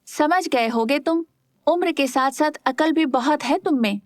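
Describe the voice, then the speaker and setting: Female narrator voicing a young woman, teasing then curt, slightly raised pitch, dry close mic. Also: unhurried, dry recording. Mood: cold. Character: young woman, playful teasing sister turned cold wife.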